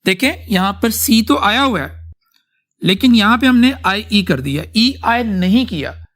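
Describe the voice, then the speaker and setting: A male teacher with a high, animated, slightly bright voice delivers a vocabulary lecture in class at an unhurried pace. He moves between Urdu and English, calls his students "beta," and frequently checks that they understand.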